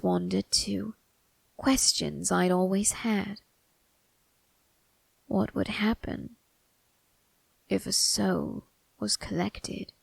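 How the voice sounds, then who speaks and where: Woman doing a creepy amused male reaper undertaker for asmr, slow n super croaky, breathy whispers, swoopy theatrical musing. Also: on the low side, darkish tone, no room sound, full character voice. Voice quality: breathy, gravelly, often dropping to a whisper. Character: sinister, amused retired grim reaper undertaker, ageless male. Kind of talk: ASMR roleplay monologue. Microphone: close microphone, dry.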